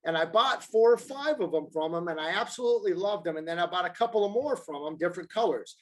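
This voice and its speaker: A man's voice: sits high, animated, quick pace. Emphatic man talking business. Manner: emphatic, repeats himself for stress. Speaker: mortgage advisor. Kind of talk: casual podcast chat.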